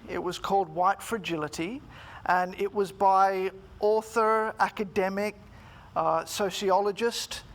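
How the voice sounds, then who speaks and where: A man giving a prepared, formal talk in a measured, deliberate way, phrase by phrase. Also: sits high, fairly bright tone. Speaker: speaker giving a talk, student teacher.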